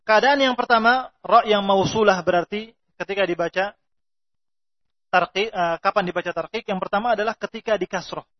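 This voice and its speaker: A man teaching Quran recitation rules, reading Arabic lines slowly and explaining them, with drawn-out pronunciation examples. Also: high voice. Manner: reads Arabic text slowly, then explains in Indonesian. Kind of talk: explaining tajweed rules from a text. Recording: dull lo-fi recording.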